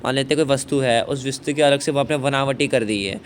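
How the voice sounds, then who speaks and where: A man's voice: medium pitch, fast talker. Guy explaining a poetry lesson, keeps saying thik hai and bhai, slight background hum. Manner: repetitive, asks and answers own questions. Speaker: teacher. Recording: faint background noise.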